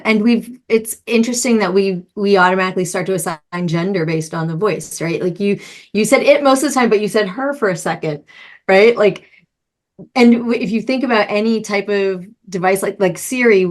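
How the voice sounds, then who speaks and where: A woman's voice: mid-range voice, normal speed. A woman co-hosting a podcast in casual chat, enthusiastic and chatty, often trailing off with fillers. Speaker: podcast co-host.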